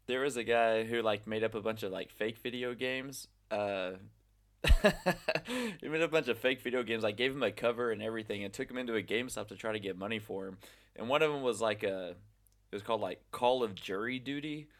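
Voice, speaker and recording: Casting: young guy, slightly low voice, relaxed chatty podcast talk full of fillers. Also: a little fast. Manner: easygoing, laughs often, filler-heavy. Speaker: English teacher in China. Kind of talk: casual chat.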